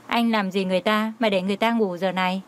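A man's voice: sits high, fairly even intonation, quick pace, natural voice. A cheeky young coworker, teasing and a bit whiny, who tends to rush his words, as a woman narrating a storybook plays him. He speaks in a plain middle voice. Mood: sheepish.

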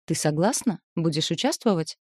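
A woman's voice: low-pitched, animated, moderate pace, breathy edge, no room sound, studio quality. Woman doing a smug teasing young guy. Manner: drawling, self-satisfied teasing. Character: smug teasing young man, cocky student. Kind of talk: audiobook character voice.

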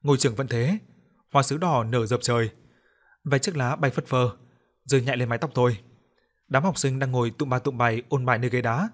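A man narrating a story in an audiobook, with expressive storytelling. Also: medium pitch, a little fast. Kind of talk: scripted narration.

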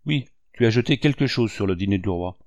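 A man's voice: fairly low pitch, animated, fairly quick, a little mellow, dry recording, highs cut off. A man doing a taunting brigand cook. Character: mocking male camp cook.

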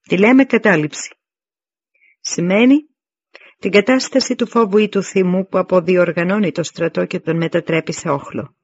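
Brief: stern veteran Spartan warrior, voiced by a male reader, forceful speeches, higher-pitched, dull dry recording. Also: breathy edge, no room sound. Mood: commanding.

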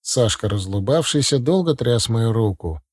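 Мужчина читает аудиокнигу сухо и ровно. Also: male voice, medium pitch, moderate pace, dry recording, studio quality. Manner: steady, even storytelling. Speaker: audiobook reader. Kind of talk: audiobook narration.

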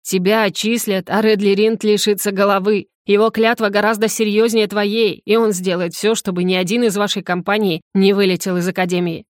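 A woman's voice: mid-range voice, little pitch movement, brisk, hardly any pauses, no echo, natural voice. Grumpy hungover male rector, stern and scolding, dry close audio; woman reader.

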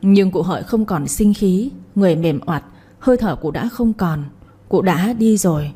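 A woman narrating a novel in a steady storytelling voice. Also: mid-range voice, moderate pace, slightly rough.

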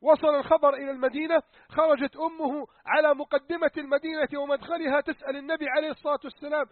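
Male preacher, rapid dramatic sermon storyteller, loud one moment and hushed the next, thin phone-line sound. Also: extremely high pitch, level tone. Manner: emphatic, swings between loud urgency and hushed tones. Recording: tinny phone-like dry recording.

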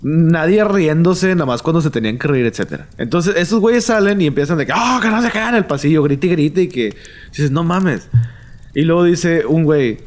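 A man with a Mexican accent in casual chat, telling stories in a slangy, animated way and acting out what people said. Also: a little high, moderate pace.

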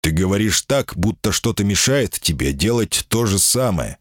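A man's voice: fairly low pitch, animated, moderate pace, husky, no room sound, clean studio sound. A man voicing a proud, impatient male jinni in human form, curt in his speech, in an audiobook reading.

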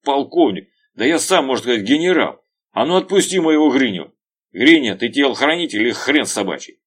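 A man voicing a burly, furious construction boss who shouts hoarsely and swears. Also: medium pitch, animated, fairly quick, pitched above the performer's own voice, natural voice. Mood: enraged.

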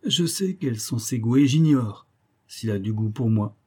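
Haughty young lady of rank, man doing a raised voice, husky, dark tone. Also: medium pitch, lively intonation. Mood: wistful. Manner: haughty, quick-tempered outbursts. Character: proud, fiery young aristocratic woman.

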